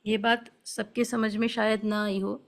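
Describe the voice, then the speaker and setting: A woman teaching Quran recitation in an online lesson, explaining each sound and modelling it slowly, with English words mixed into her speech. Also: medium pitch, flat delivery, creaky.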